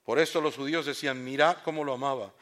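During a church sermon, a pastor reads out a scripture story, his mid-range voice holding a fairly even intonation. He breaks in with jokes, builds to loud declarations, then falls to quiet, slow delivery.

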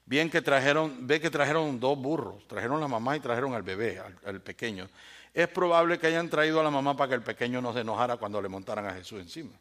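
Fast and slightly bright, a male pastor's mid-range voice drives a sermon of dramatic swings. He throws out rhetorical questions and speaks to members of the congregation directly, using their names.

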